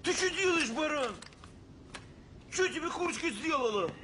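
High, creaky, hapless man. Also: expressive, measured pace, a little hiss or hum, full character voice. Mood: upset. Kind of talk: comedy film acting. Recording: film dialogue over loud music.

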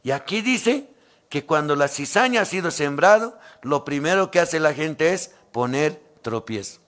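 A man with a Bolivian Spanish accent preaching a sermon. He swings from loud, fervent calls to low, quiet asides and acts out the voices of the people he quotes. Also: animated, unhurried.

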